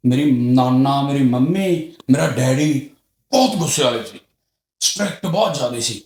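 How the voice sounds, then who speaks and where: A middle-aged man from Punjab, a podcast guest telling stories candidly and getting loud and excited as he talks. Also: mid-range voice, normal speed. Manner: loud and excitable when talking. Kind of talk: candid conversational storytelling. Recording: roomy echoey room.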